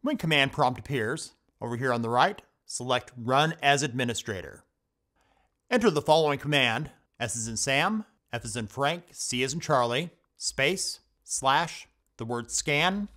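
A man hosting a computer help tutorial, reading scripted step-by-step instructions in a steady voice-over. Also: medium pitch, unhurried. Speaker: tech tutorial host. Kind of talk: scripted screen-recording voice-over.

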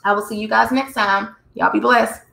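A woman's voice: on the high side, steady tone, normal speed, gravelly, sharp tone. A woman hosting a live devotional stream, preaching with fervent, repetitive exhortation in a casual, colloquial way. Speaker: host of a faith livestream. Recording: roomy echo.

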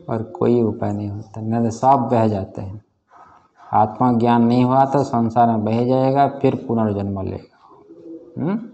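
An Indian man teaching Sanskrit grammar in a classroom, slowly drilling his students with repeated questions. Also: medium pitch, creaky, mellow, slight background noise. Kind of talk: classroom lecture.

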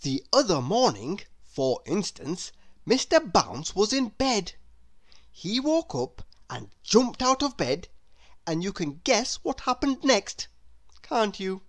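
Narrating a children's story from a script, a storybook reader speaks in a medium pitch. She delivers it deliberately and with plenty of expression.

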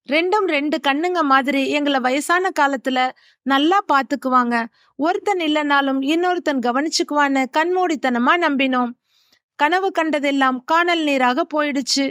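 A woman's voice: high voice, fairly bright tone, dry recording, clean studio sound. A woman voicing a tearful elderly mother who speaks in a sorrowful, subdued way. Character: tearful elderly mother, hurt but loyal to her sons.

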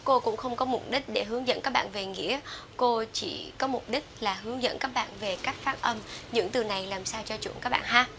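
An English teacher, a Vietnamese woman with a Vietnamese accent, gives an English pronunciation lesson, stretching out model words slowly between quick explanations. Her voice is a little high, and there's background noise.

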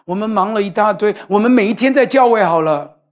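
A middle-aged male pastor, preaching to a congregation in a lively storytelling sermon that swings between loud and soft. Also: high-pitched, a little fast. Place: church hall, in front of a congregation.

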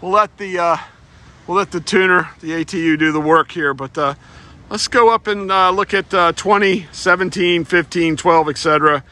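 Sitting in his car, an American man in his 50s or 60s, a ham radio operator and vlogger, chats casually while working the radio. His high voice sounds pushed and bright at a normal pace, with radio static behind it.

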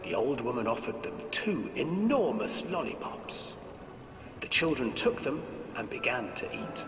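A man narrating a dark fairy tale in a horror game, in a hushed, at times whispery storytelling voice. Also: mid-range voice, big pitch swings, measured pace. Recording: echoey hall from far off, music behind.

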